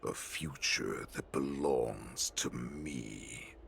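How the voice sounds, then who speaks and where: An actor playing a cruel, gloating wolfish beast warlord in a video game, talking slowly and mockingly. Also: male voice, a bit bright, a little hiss or hum, heavily acted. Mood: menacing. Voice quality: deep gravelly growl. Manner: slow, mocking, savoring every threat.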